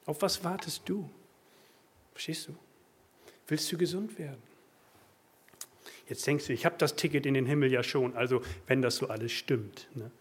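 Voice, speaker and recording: A man preaching a sermon, swinging from loud emphatic bursts to quiet asides. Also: medium pitch, fairly even intonation, moderate pace, long pauses, slight background noise. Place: church.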